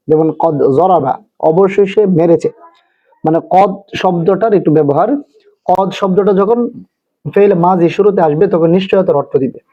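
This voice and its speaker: A Bangladeshi man with a fairly high voice gives a methodical grammar lecture, explaining each term with examples before summing up. The sound is narrow and tinny, as if it were heard over a phone line. His delivery is that of a patient classroom teacher. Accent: Bangladeshi Bengali.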